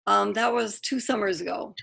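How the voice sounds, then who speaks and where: A woman's voice: mid-range voice, normal speed, creaky, fairly bright tone, breathy edge. A middle-aged woman author on a video call, talking in a chatty, self-interrupting way. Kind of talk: casual Zoom Q&A.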